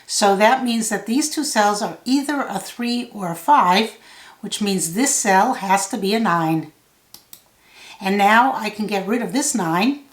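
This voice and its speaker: Slow-paced woman thinking out loud, roomy sound. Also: medium pitch. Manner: thinking out loud step by step, measured. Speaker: puzzle tutor. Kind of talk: solve-along tutorial, thinking out loud.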